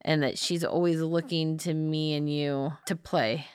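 A podcast co-host chats casually and laughs often in a deep, steady, unhurried voice that's slightly mellow, clear and resonant. The recording is clean studio sound with no room echo.

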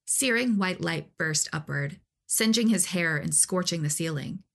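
Playful lower-voiced woman co-host. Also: animated, measured pace, creaky. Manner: playful, laughs often. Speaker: podcast co-host. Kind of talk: casual chat and story recap.

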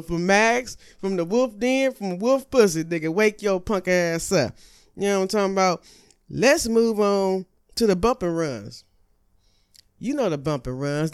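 Smooth-voiced man on a profane rant. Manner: exasperated, profane, swings into high-pitched outbursts. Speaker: host.

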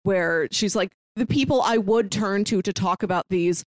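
This podcast co-host, a woman, talks about films casually in a sincere, thoughtful manner, with lots of fillers and restarts. Her pitch is medium and her speed normal, and the recording has no echo.

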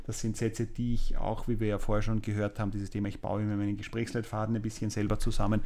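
A podcast host who is also a managing director conducts a podcast interview, asking long, rambling questions and summarizing the answers. His voice is on the low side, warm, monotone, and fast.

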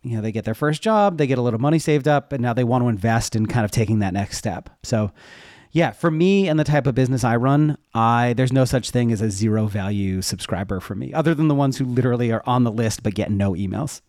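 A web development educator, guesting on a podcast, talks casually and candidly, explaining things from his own experience. His mid-range voice is quick and darkish, recorded in studio quality with no room sound.

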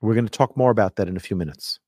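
A man teaching religion like a rabbi, telling stories emphatically with rhetorical questions and deliberate repetition. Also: lowish voice, warm tone, breathy edge, no room sound, studio quality. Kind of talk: lively religious lecture with storytelling.

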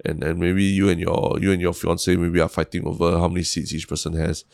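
Low, gravelly Singaporean man chatting in Singlish. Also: level tone, darkish tone, no echo, clean studio sound. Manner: colloquial Singlish with local particles; halting, repeats words as he thinks. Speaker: podcast co-host. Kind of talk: casual chat.

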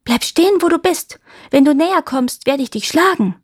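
A woman's voice: high voice, lively intonation, moderate pace, no room sound, clean studio sound, voice pushed up. Woman voicing a bold lizard girl. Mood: commanding. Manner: commanding, calls out sharply.

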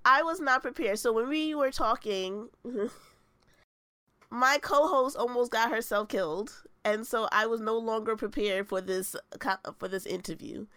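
Her voice sits on the high side, measured in pace, in a dry recording. As a podcast co-host in a casual chat, she tells a story animatedly and acts out the quotes.

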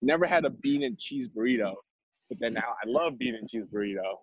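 A young Vietnamese man, an MBA student guest, talks casually in a conversational interview, full of fillers and restarts. His mid-range voice is animated and brisk with a breathy edge, in a dry recording with the highs cut off.

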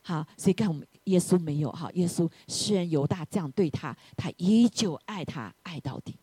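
A woman preaching a sermon, asking her listeners "right?" again and again and dropping to a soft near-whisper for emphasis. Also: lowish voice, moderate pace, husky, no room sound. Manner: animated, keeps asking the congregation "right?".

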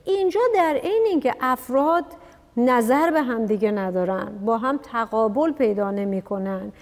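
A woman's voice: fairly high pitch, expressive. A woman in a reflective discussion, speaking thoughtfully and telling stories to make her points. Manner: thoughtful, storytelling. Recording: long reverb.

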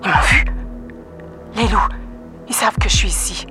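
An actress with a Québécois French accent plays a hunted young woman recounting her escape in terse first-person fragments, tense and breathless before turning coldly calm. Her medium-pitched, natural voice moves at normal speed over a clear music score in this intimate radio drama narration.

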